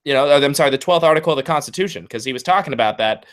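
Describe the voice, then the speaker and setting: A man's voice: a little high, animated, rapid-fire. A man co-hosting a casual political podcast, chatty and telling stories with acted-out quotes. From California. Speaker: podcast co-host.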